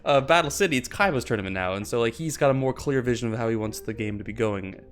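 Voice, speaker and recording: A man's voice: mid-range voice, quick pace, clean tone. A man co-hosting a casual podcast, explaining at length and correcting himself as he goes. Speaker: podcast co-host. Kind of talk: casual chat.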